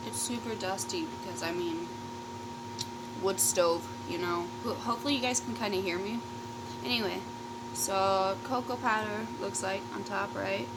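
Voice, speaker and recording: Female vlogger, mid-range pitch, informal and sweary, rambling storytime chat with trailing thoughts, clearly noisy recording. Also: normal speed. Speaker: YouTube vlogger. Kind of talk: casual rambling storytime chat while eating.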